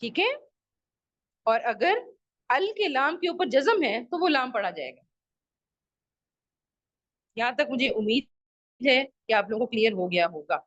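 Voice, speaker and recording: Lively high-voiced woman teaching children. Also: a little slow, long pauses, no echo, highs cut off. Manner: patient, repeats rules and examples, asks the class questions. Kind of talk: online Arabic grammar lesson for children. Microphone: video call microphone.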